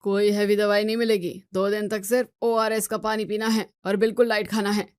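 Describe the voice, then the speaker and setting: A woman's voice: mid-range voice, little pitch movement, a little fast, smooth, no room sound, clean studio sound, natural voice. A woman voicing a strict male doctor who gives firm warnings. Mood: stern.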